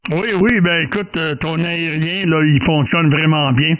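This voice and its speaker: This amateur radio operator leads a group contact, chatting casually in a Quebec French accent while rambling, hesitating and often repeating himself. His slightly high voice keeps a fairly even intonation at a somewhat slow pace, and the radio recording is clearly noisy with clicks.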